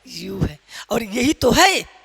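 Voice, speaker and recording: A man teaching English pronunciation in a loud, emphatic classroom manner, quizzing his viewers with repeated questions. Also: very high voice, big pitch swings, takes it slowly, creaky, slightly rough, long reverb tail. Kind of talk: classroom lesson in Hindi with some English.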